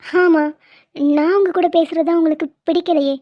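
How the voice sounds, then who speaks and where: A woman voicing a polite, coy young woman on the phone with her old flame in an animated comedy. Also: very high-pitched, normal speed, no room sound. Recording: dull lo-fi sound.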